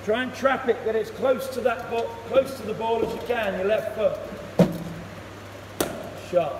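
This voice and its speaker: High-voiced cricket coach in an echoey hall. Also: male voice. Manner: encouraging, brisk instructions and praise. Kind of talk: one-to-one coaching session. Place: indoor cricket net hall. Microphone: camera across the net, far off. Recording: echoey hall, voice from far off, loud noise.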